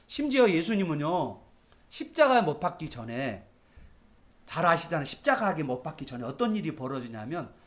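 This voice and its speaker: A pastor delivers a sermon in a church, a man whose voice sits high and swings widely as he tells the story. He keeps turning to his listeners with questions and acts the scene out with animated energy.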